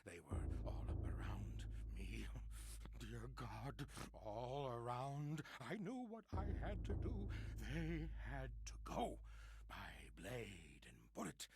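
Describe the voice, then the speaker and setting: Deranged horror-story madman, theatrical and archaic, slow and swooping in pitch. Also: sing-song, background noise. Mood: raving. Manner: lurches between hoarse whispers and manic shouts; theatrical, archaic turns of phrase. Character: deranged male survivor raving about monsters. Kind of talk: dramatic horror monologue.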